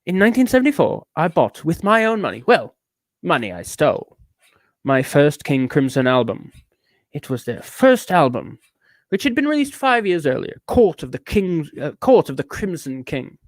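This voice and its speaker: A drunk man putting on an affected fake British accent to read aloud in a slow, grand, pompous way. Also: fairly high pitch, sing-song, dry recording.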